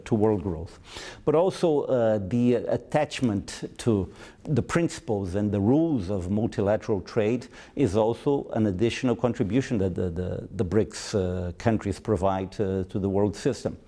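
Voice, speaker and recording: A man with a Brazilian accent, a native Portuguese speaker, answers formally as a diplomat in an interview. His voice is fairly low and very mellow. He speaks in a measured way, pausing often as he picks his words. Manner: measured, hesitant with frequent pauses. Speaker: ambassador, interview guest.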